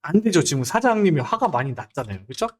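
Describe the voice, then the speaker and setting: Lively male lecturer with a high voice. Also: fast. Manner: lively, rhetorical questions to viewers. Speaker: teacher. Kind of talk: spreadsheet exam lecture.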